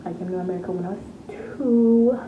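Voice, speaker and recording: A teenage vlogger from Tennessee chats loosely about herself, full of fillers and restarts. Her voice sits a little low for a girl. The sound is tinny and phone-like, with room echo and steady background noise. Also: fairly quick. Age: teens, fifteen. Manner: chatty, rambling with many fillers. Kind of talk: casual get-to-know-me chat.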